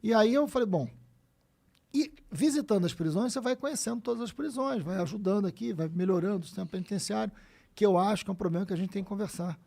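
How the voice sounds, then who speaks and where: A man in his fifties with a Rio de Janeiro accent, a guest telling stories in a casual podcast chat, animated and swearing freely. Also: high voice, fast talker, creaky. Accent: Rio de Janeiro Portuguese. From Brazil. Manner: animated, swears freely, acts out quoted dialogue.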